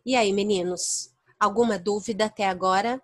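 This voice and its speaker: A woman's voice: mid-range voice, fairly even intonation, moderate pace, dry recording. A woman teacher with a Brazilian Portuguese accent giving an online class, explaining points step by step and checking that her students understand. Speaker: English teacher. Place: home, online virtual class.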